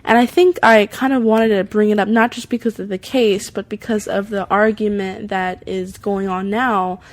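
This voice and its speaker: A woman's voice: mid-range voice, steady tone, normal speed. Hesitant woman co-hosting a podcast. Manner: agreeable, hesitant, many ums. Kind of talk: casual chat.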